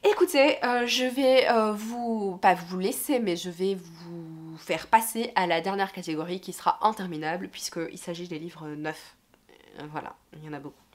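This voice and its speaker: A woman's voice: on the low side, moderate pace. A young woman with a cold and a stuffy voice, chatting hesitantly about her book purchases in a casual vlog. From Belgium. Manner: chatty, hesitant, many fillers and self-corrections. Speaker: book vlogger.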